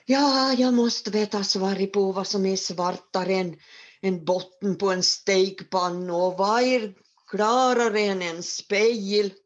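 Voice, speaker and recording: A woman's voice: medium pitch, steady tone, dull audio, natural voice. A woman voicing a worried, fearful poor father who speaks hesitantly.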